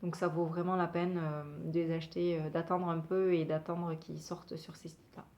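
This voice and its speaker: A woman's voice: on the low side, level tone, normal speed, darkish tone. Chatty woman reviewing nail polish. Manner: chatty, hesitant, many fillers. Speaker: beauty vlogger. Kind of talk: casual product review.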